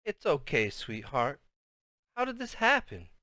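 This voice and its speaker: A man's voice: extremely high pitch, animated, normal speed, bright, forceful tone, dry recording, pitched above the performer's own voice, heavily acted. A man voicing a worried, tender mother with a Southern US accent. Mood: tearful tenderness.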